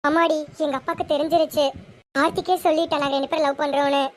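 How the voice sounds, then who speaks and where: An anxious, guilt-ridden teenage schoolgirl, voiced by a woman keeps blaming herself in a high voice. She talks on as if on a phone call. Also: little pitch movement, fast, lightly acted. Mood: distressed.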